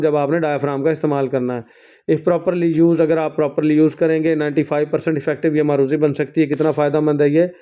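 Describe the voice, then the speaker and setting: A man lecturing a nursing class, reading English textbook lines slowly and then explaining each one. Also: on the high side, dark tone, clean tone. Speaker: nursing course teacher. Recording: slightly dull lo-fi recording.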